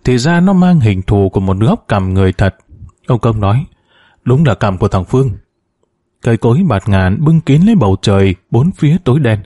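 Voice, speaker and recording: A man narrating a story in a measured, expressive way. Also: mid-range voice, dry recording, studio quality.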